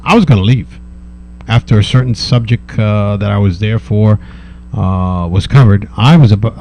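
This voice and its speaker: A man with a lowish, soft-edged, mellow voice delivers an informal opinion piece as a local host. He meanders and pauses often, admonishing as he goes. A faint electrical hum sits under the recording. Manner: halting, meandering delivery with long hesitations. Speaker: host of a local civic video show. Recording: steady mains hum and background noise.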